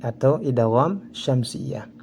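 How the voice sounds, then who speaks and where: A man with an Indonesian accent gives a tajwid lesson, explaining each Quran recitation rule and then reciting drawn-out examples. He speaks slowly with lively intonation at a medium pitch, in a slightly mellow tone, over a little hiss or hum.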